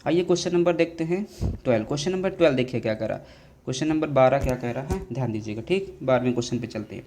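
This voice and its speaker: Calling his students dear children, a man runs an exam grammar lesson in an expressive, darkish mid-range voice, answering his own constant questions and drawing out English words slowly. There is slight background noise.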